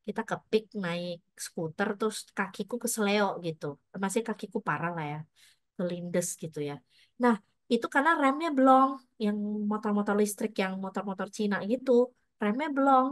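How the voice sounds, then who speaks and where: A woman's voice: medium pitch, a little fast. A middle-aged woman preaches in a loose, conversational way, moving between personal stories and encouragement. She slips English words into her talk and sounds close to the mic. The recording is dry, with no room echo. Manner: chatty, mixes in English words. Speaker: pastor. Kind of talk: casual sermon with personal stories.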